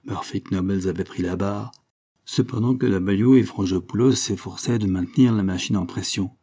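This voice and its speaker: Husky, low-voiced male narrator. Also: moderate pace, mellow. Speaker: audiobook narrator. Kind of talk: scripted narration of an adventure novel.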